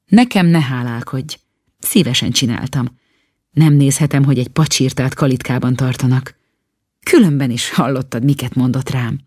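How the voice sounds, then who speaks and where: A woman voicing a stern, proud nanny who speaks in a brisk, curt and haughty way. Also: rumbling low, a little mellow, husky, no room sound, clean studio sound.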